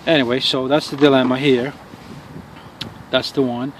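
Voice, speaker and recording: A man's voice: mid-range voice, flat delivery. A man reviewing his remote-control truck outdoors on a city street, ranting angrily with lots of swearing and stumbling restarts. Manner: angry, profane ranting with halting restarts. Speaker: RC car hobbyist reviewer. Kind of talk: casual outdoor review vlog. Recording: noisy outdoor street recording.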